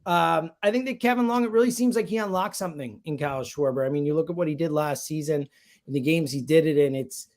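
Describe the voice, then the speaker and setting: Speaking quickly in a fairly high, slightly mellow voice, this man is a sports radio host serving as a guest analyst. His conversational analysis is emphatic, and he repeats things to drive his arguments home.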